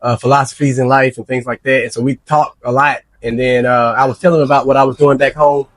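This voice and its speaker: A man's voice: mid-range voice, little pitch movement, fast talker, no room sound. A man from Louisiana, a banking executive and bar owner, telling his story in a casual interview. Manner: storytelling, laughs lightly while telling.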